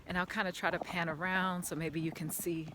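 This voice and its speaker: A woman's voice: lowish voice, level tone, a little fast, background noise. A woman vlogging casually while walking on an outdoor park path, chatty and rambling, filling her talk with "like", speaking into a handheld camera. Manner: chatty, rambling, lots of "like" fillers; talking while walking uphill.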